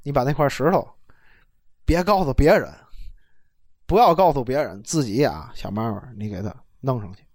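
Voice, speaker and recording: A man telling casual anecdotes in a chat, animated and laughing, swinging between loud and soft with coarse slang. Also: medium pitch, normal speed, pauses often. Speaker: storyteller host.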